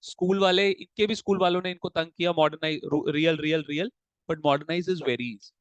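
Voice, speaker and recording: High-voiced male tutor quizzing his class. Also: steady tone, clear, resonant tone, no room sound, dull audio. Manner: drills students with rapid call-and-answer questions; fatherly, calls students "beta". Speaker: commerce tutor. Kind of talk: classroom lecture mixing Hindi and English. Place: coaching classroom.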